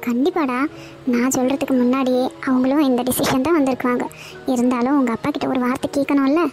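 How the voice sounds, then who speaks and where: A woman's voice: sits high, fairly even intonation, quick pace, darkish tone, soft background music, natural voice. A woman voicing a caring old grandmother in a cartoon, who speaks soothingly. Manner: soothing, reassuring.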